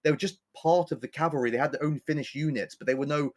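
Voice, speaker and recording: A man co-hosts a casual history podcast, chatting in a rambling, playful way and correcting himself as he goes. His voice is on the high side and fast.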